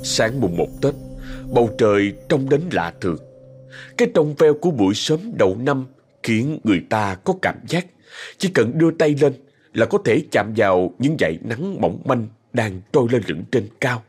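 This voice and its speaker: A man narrating a scripted story in a soft, expressive way. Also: mid-range voice, moderate pace, husky. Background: faint music.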